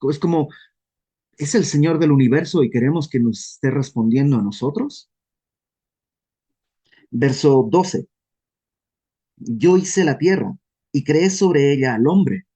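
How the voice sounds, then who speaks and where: A man with a Mexican accent leading a casual verse-by-verse Bible study, lively and self-deprecating, often acting out questions in quoted voices. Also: fairly high pitch, unhurried, pauses often, slightly rough. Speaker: Bible teacher.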